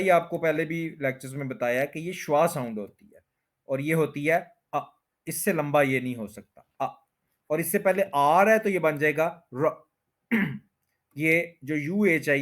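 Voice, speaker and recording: A man teaching English word stress in a slow explanatory lesson, repeating each word and stretching its syllables. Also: on the high side. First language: Urdu or Hindi.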